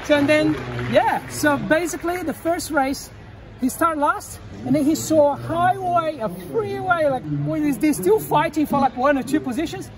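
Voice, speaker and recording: A man in his thirties, hosting his channel in an indoor expo hall, talking excitedly in loose, rapid phrases. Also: very high-pitched. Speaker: channel host. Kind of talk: casual expo walkthrough. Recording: crowd noise behind.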